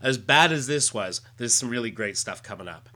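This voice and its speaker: A man hosting a casual podcast, explaining comic-book details in a halting, list-like way. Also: medium pitch, expressive, pushed and bright. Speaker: podcast host.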